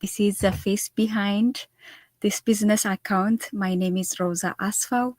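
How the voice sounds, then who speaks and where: A bubbly woman from Ethiopia hosts a live stream and greets her audience with open excitement. She talks at an unhurried pace. The sound is dry and close. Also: mid-range voice, no room sound. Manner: excited, bubbly, laughs often. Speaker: host.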